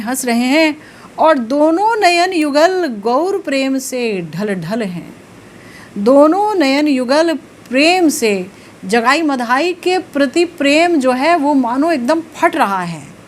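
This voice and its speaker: A woman spiritual teacher giving a devotional discourse, telling a sacred story slowly and with rising emotional emphasis. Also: high voice, a little hiss or hum.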